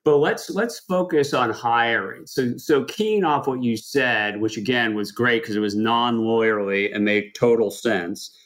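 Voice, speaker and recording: A man hosts a podcast and asks his guest questions in a relaxed, joking tone. He repeats phrases and tosses in light humor. His voice is mid-pitched and plain. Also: measured pace, few pauses. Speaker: podcast host, lawyer. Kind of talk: conversational podcast interview.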